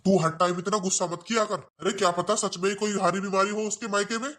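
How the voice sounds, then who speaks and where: A woman voicing a calm, mildly reproachful older father-in-law in a cartoon. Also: medium pitch, quick pace, lightly acted. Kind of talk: cartoon voice acting.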